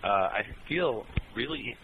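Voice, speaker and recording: A man in a band answering fan questions in a relaxed, rambling way with many ums and uhs. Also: medium pitch, slow, creaky, narrow, tinny audio, background noise. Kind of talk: casual Q&A chat.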